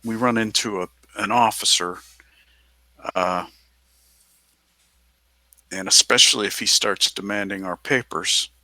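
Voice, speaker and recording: A man's voice: lowish voice, fairly even intonation, unhurried, long pauses, pushed and bright, no room sound. A man playing a tabletop game, earnestly talking through a plan. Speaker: player. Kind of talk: casual tabletop chat.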